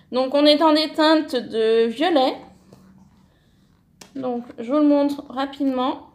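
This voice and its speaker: A scrapbooking vlogger with a high voice chats casually through a haul video of craft papers in an echoey room. She is enthusiastic, uses lots of fillers and corrects herself as she goes.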